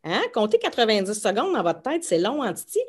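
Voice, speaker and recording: A middle-aged woman with a Québécois French accent, co-hosting a podcast as a pediatric dietitian, talking in an animated, reassuring way and stressing her key words. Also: mid-range voice, brisk, husky. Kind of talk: casual podcast chat.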